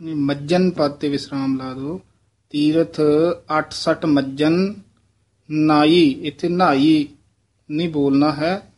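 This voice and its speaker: A man leads a recitation lesson, his slightly raised voice moving at an unhurried pace. He models each phrase carefully, then adds brisk asides about where to pause. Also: on the high side, fairly even intonation, darkish tone. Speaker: teacher of scripture recitation.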